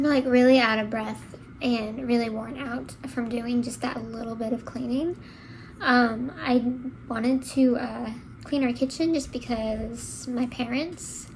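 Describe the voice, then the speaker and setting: A woman's voice: a little high, slight background noise, low-quality recording. A young woman vlogging in a casual, rambling, chatty way from a bedroom at home. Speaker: pregnancy vlogger. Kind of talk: casual chat to camera.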